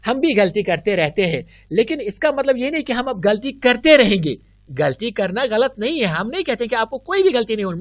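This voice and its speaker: A woman with a Kashmiri accent teaching an online Arabic lesson, drawing out each example word slowly and carefully. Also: mid-range voice, no room sound, clean studio sound. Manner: slow, careful, drawn-out example words.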